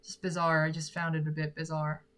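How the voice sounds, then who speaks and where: Low-pitched, monotone and a little fast, a young singer-songwriter from Korea chats informally with viewers, answering live comments, giggly and thinking out loud.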